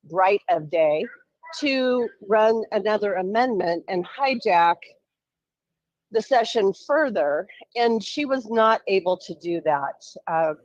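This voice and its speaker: A woman's voice: mid-range voice, no echo. Woman legislator speaking over the phone. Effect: heard over the phone. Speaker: state legislator calling in. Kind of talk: radio call-in interview. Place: travelling while calling in. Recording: dull phone-line sound, dry.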